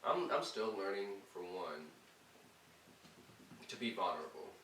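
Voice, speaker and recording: Laid-back man guest, very low yet bright voice; distant echoey room with hiss. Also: very animated, measured pace. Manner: reflective, laid-back, frequent agreeing. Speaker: guest friend. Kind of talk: casual chat. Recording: roomy, distant, faint hiss.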